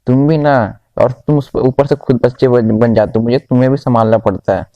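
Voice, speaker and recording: A man's voice: mid-range voice, steady tone, fairly quick, no room sound, natural voice. Bossy, caring young mom Sumire, voiced by a man, dry muffled sound. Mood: nagging. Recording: dull lo-fi dry recording.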